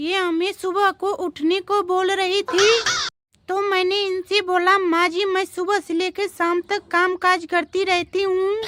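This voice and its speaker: A woman voicing a lazy, cheeky young daughter-in-law in a homemade comedy skit, talking back sassily. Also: extremely high pitch. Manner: sassy, talks back. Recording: noisy home recording.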